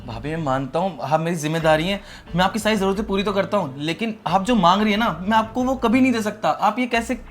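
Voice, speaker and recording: A man's voice: high-pitched, expressive, quick pace, soft background music. A young man playing a dutiful student brother-in-law in a short film drama, earnest and exasperated. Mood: exasperated refusal. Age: young adult.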